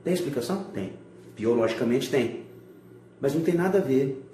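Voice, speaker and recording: A man, an art teacher giving a recorded video lesson to schoolchildren, animated and full of rhetorical questions. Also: medium pitch, normal speed, echoey room. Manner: animated, asks rhetorical questions and acts out examples.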